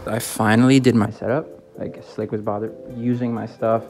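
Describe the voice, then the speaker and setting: A man's voice: fairly low pitch, flat delivery, normal speed, a little mellow, faint music behind. A young man hosting a casual vlog, talking in slang to his viewers into a phone held at arm's length. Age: young adult. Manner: slangy, addressing viewers as boys and chat. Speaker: vlog host. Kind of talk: casual vlogging.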